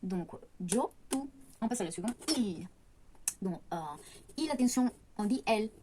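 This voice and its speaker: A woman gives a relaxed online language lesson, pausing often and correcting herself as she goes. Her pitch sits in an ordinary middle range. A faint hiss of noise stays under her voice. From Latin America. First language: Spanish. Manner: hesitant, many fillers and self-corrections. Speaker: language teacher.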